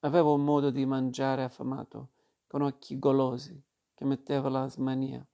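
A man narrating a literary novel in the first person, in a calm and measured way. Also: medium pitch, creaky. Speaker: audiobook narrator. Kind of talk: literary audiobook reading.

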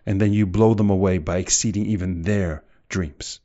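Deep-voiced man giving an emphatic motivational speech. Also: steady tone, moderate pace, warm tone, highs cut off. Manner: emphatic, direct address with rhetorical questions and repetition. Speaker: motivational speaker.

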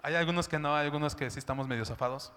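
A man's voice: fairly high pitch, racing, sharp tone, slight background noise. A man preaching a sermon, talking in a chatty way and often asking "¿no?". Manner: conversational, keeps asking "¿no?" and "¿sabes?". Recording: long hall reverb.

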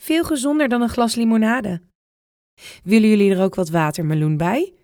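A woman's voice: a little high, normal speed, dark tone, dry recording, studio quality, voice pushed up, lightly acted. A woman voicing a caring old grandmother in a read-aloud children's storybook. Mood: kindly.

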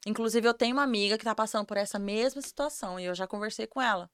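A woman's voice: medium pitch, rapid-fire, clean tone, no room sound, clean studio sound. A woman, a podcast guest telling her own story in a candid, earnest way and repeating words for emphasis. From Campo Grande, Brazil. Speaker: podcast guest, tanning professional.

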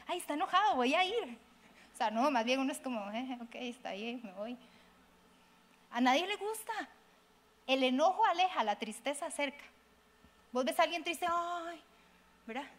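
A middle-aged woman pastor, preaching in an animated, conversational way, acting out quoted voices and addressing listeners directly. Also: sits high. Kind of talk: conversational sermon.

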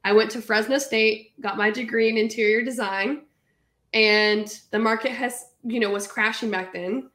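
A woman in her thirties from California tells her story as a podcast guest, lively and chatty. Her voice sits a little high, and the recording has a noticeable echo from the room. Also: normal speed. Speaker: guest entrepreneur. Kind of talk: casual interview storytelling.

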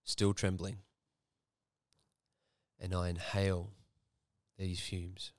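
A man's voice: low-pitched, level tone, takes it slowly, darkish tone, no room sound, clean studio sound. A young man, hosting a podcast and telling a personal story frankly, swearing freely. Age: young adult. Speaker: podcast host.

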